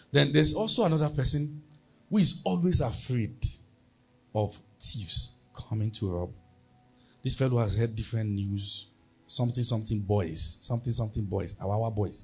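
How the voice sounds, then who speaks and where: A pastor with a Nigerian accent preaches a sermon in a husky, mid-range voice. He is emphatic and leads his congregation in call-and-response.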